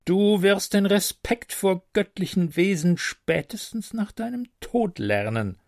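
A man's voice: sits high, expressive, a little slow, gravelly, a little mellow, no room sound, studio quality, pitched above the performer's own voice, full character voice. A man voicing a stern, imposing male seraph angel who speaks in a thundering, commanding way.

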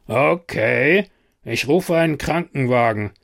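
A man's voice: medium pitch, slow, creaky, heavily acted. A man voicing a level-headed male colleague at a power plant in an audiobook horror story. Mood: calm. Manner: calm then snapping at his coworker.

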